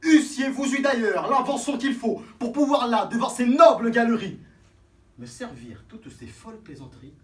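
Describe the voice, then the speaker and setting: Un bretteur cabotin, voix haute et théâtrale. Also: male voice, extremely high pitch, lively intonation, normal speed. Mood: scornful, defiant. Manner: hammy, flamboyant, swinging from hushed to bellowed. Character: proud, witty swordsman Cyrano de Bergerac mocking his own nose. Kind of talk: theatrical verse declamation, classical French stage acting. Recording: roomy echo, distant microphone, faint noise.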